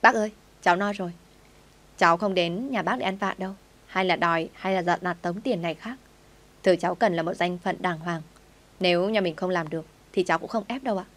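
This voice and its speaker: A woman's voice: fairly low pitch, fairly quick, a bit bright, close to an everyday voice. A woman reading the lines of a blunt, proud young pregnant woman. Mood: indignant. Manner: blunt, indignant.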